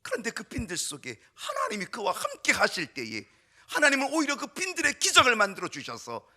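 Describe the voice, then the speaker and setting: High, bright, emphatic male preacher. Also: wildly swooping pitch, brisk. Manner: emphatic, swinging from loud exclamations to whispers. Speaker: pastor. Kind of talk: sermon. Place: church sanctuary.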